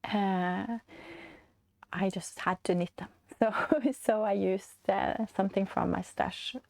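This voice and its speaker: A Norwegian woman in her forties with a stuffy, congested voice, chatting casually as a knitting vlog host, hesitant with many fillers and soft laughs. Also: medium pitch, steady tone, slow pace, creaky, no room sound. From Norway. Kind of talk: casual chat.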